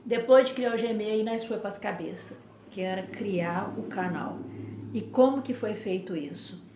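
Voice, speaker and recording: A woman's voice: medium pitch, measured pace, reverberant, background noise. A woman with a Brazilian accent tells a personal story in a conversational way, often adding tag questions. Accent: Brazilian Portuguese.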